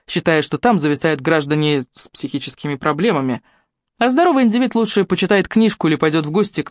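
Audiobook narrator, measured and steady, close dry mic. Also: mid-range voice, dry recording.

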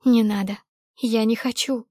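A woman voicing a frightened young woman who pleads in a trembling voice while trying to stay calm, in an audiobook reading. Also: on the high side, a little slow, dry recording, studio quality. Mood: pleading.

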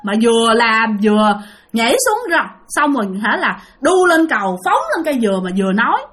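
Chatty woman storyteller, high and animated, talks straight to her listeners. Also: fairly quick. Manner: chatty, addresses listeners directly. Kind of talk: spoken ghost story.

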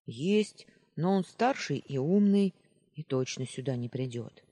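A cheeky, hot-headed boy yells back at a grown-up, as a man reads him. His voice is loud, husky and bouncy in pitch. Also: lively intonation, measured pace. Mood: defiant. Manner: defiant, shouting back.

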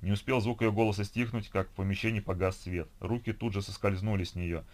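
A man reading an audiobook in an even, measured narration. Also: fairly low pitch. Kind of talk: scripted narration.

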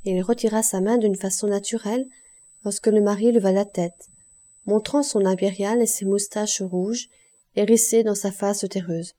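In a measured yet expressive style, a woman reads aloud from a classic novel for an audiobook. She's the narrator, working from a script in a mid-range voice.

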